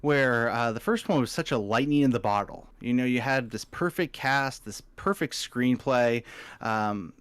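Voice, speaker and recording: Guy rambling about movies on a podcast, mid pitch, sudden high jumps, dry close sound. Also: unhurried, fairly bright tone, clear, resonant tone, no room sound. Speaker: podcast co-host. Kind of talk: casual movie podcast chat.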